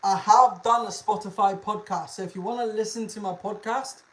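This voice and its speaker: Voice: mid-range voice, fairly even intonation, normal speed, slight background noise. A livestream host, chatting casually in an informal, slangy, sweary way and often repeating phrases. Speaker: livestream host, animal content creator.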